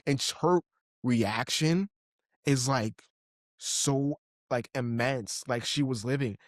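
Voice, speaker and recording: A young man co-hosting a podcast, talking in loose slang and telling animated stories with frequent laughs. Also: mid-range voice, slow, no echo, clean studio sound. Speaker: podcast co-host. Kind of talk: casual chat.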